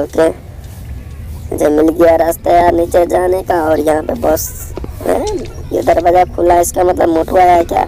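A young man, hoarse from a cold, giving jittery live commentary on a horror game, repeating words in quick bursts. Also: a little high, mellow, a little hiss or hum, low-quality recording. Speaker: gaming channel host.

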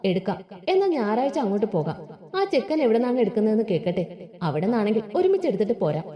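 A woman's voice: fairly high pitch, sing-song, quick pace, dark tone, reverberant. A woman reading a story aloud, voicing a jovial, easygoing middle-aged father who talks in a hearty, joking way.

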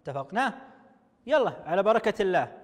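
A male teacher giving an online language lesson to young children, slowly sounding out words syllable by syllable. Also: sits high, sing-song, long reverb tail. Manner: slow, drawn-out syllable-by-syllable explaining. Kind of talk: online Arabic lesson for first graders.

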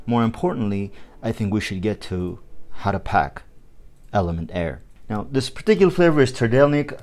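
Male reviewer, low voice, measured and explanatory with ums and restarts, faint music underneath. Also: darkish tone. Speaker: hookah tobacco reviewer. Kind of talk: product review and how-to vlog.

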